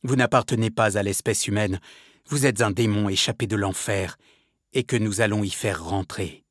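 A man voicing a cold, stern nobleman in a storybook reading, measured and unmoved. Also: fairly low pitch, no room sound, clean studio sound, lightly acted.

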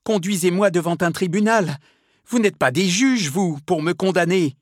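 A man voicing a cornered young noblewoman villain, shrill and pleading in a storybook reading. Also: moderate pace, breathy edge, dry recording, studio quality, lightly acted. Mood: defiant, furious.

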